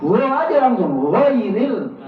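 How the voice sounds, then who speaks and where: Male recitation teacher, high-pitched and unhurried, recorded from afar over a tinny line. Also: sing-song. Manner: corrective, demonstrates recitation, chuckles. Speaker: religious teacher. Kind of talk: Quran recitation lesson. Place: prayer room. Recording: roomy, distant, phone-like, faint hiss.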